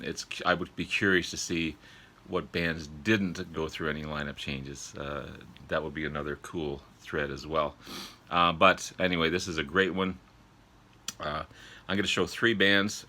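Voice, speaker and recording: A man with an extremely deep voice and a forceful, bright edge talks casually to his viewers as a vlog host. He has a sore throat from a cold, so his delivery is halting and throat-clearing. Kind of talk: casual chat to viewers about records. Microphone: older phone.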